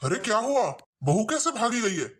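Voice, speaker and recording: A woman voicing a calm, mildly reproachful older father-in-law in a cartoon. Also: on the high side, normal speed. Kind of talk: cartoon voice acting.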